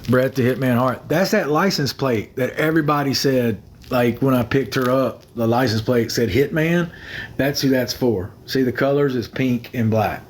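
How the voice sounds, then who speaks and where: In this clip a young man hosts a laid-back phone livestream, rambling, repeating things and naming viewers to thank them. He has a mid-range voice and a moderate pace, and there's a slight hiss or hum.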